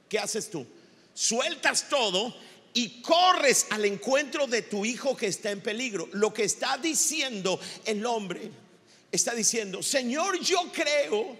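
With a Mexican Spanish accent, a male pastor preaches an impassioned sermon that sometimes breaks into shouts. His voice is very high and bright, and the church hall leaves a long reverb trailing after his words.

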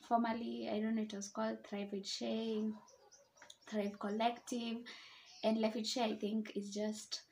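A woman's voice: medium pitch, creaky, darkish tone, a little hiss or hum, poor audio. A woman in her twenties with a Kenyan accent, introducing herself in an informal, chatty, slightly hesitant way as a podcast host. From Nairobi, Kenya. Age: 20s. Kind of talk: casual personal introduction.

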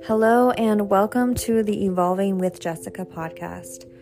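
A woman's voice: medium pitch, moderate pace, darkish tone. Female podcast host reading her intro evenly over a music bed. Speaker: podcast host and health coach. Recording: music playing behind voice.

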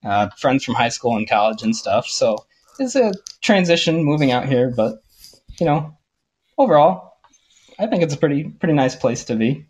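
A man in his twenties from Ohio, a podcast guest, answering in a relaxed way with frequent laughs and ums. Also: mid-range voice, normal speed, breathy edge. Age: 20s. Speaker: guest, audio engineering tech. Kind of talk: casual interview chat.

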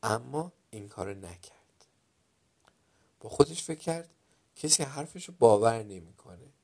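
A man narrating a children's story dramatically, dropping to a hush at some moments and getting loud at others. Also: medium pitch, animated, gravelly. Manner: dramatic, loudness swinging from hushed to loud.

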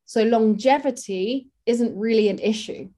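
A woman's voice: fairly high pitch, a little slow, dark tone. A woman, a makeup artist, talking casually and practically in an interview, with many fillers.

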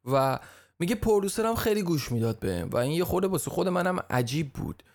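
A man's voice: fairly high pitch, very animated, darkish tone. A man hosting a podcast, retelling a story in a chatty, casual way, often tripping over words and restarting, with joking asides. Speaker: podcast host.

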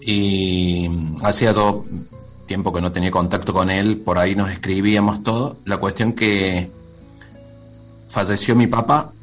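A man's voice: low voice, steady tone, measured pace, faint music behind. A man hosting a conversation, earnestly telling a personal family story on a video call. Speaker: host. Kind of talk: casual chat.

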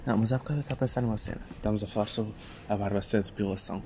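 A man's voice: on the low side, fairly even intonation, racing, darkish tone. A young man with a European Portuguese accent talks casually in offhand slang as a podcast co-host, out walking in the street. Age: young adult. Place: outdoors, walking along streets. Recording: clearly noisy outdoor recording.

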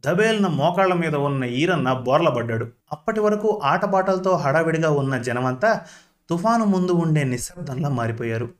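A man reading a village tale as a storyteller, steady and even. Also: on the high side, moderate pace. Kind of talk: scripted narration.

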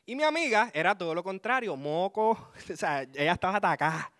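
Man in his thirties sharing his testimony before a congregation; animated and chuckling, with a sharp, bright, fairly high voice. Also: a little fast. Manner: lively storyteller, chuckles as he talks. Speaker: speaker giving a testimony.

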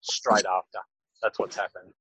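Low-voiced laconic bloke chatting casually. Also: male voice, level tone, measured pace, heavy background noise. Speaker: podcast co-host. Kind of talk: casual chat. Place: out on a call from a supermarket.

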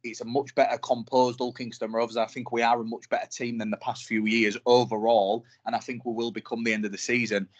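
A man, co-hosting a casual rugby league podcast, talking in an animated, frustrated fan's way. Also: medium pitch, brisk, hardly any pauses, lo-fi sound. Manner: animated, frustrated fan talk. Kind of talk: casual sports chat.

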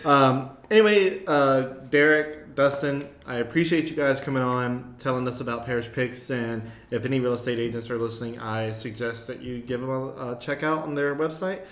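A man's voice: mid-range voice, fairly even intonation, moderate pace, hardly any pauses, fairly bright tone. A man hosting a casual chat, joking, laughing often and restarting his sentences. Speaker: podcast host. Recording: echoey room.

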